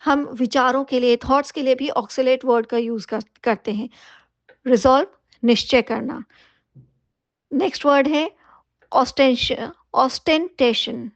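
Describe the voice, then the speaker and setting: A woman's voice: high-pitched, measured pace, long pauses, no room sound. A woman teaching English vocabulary, reading out words one by one with their meanings and adding short asides on usage and pronunciation. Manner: steady, methodical word-by-word delivery with short asides. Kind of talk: reading out a word list with meanings. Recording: slightly dull, dry close sound.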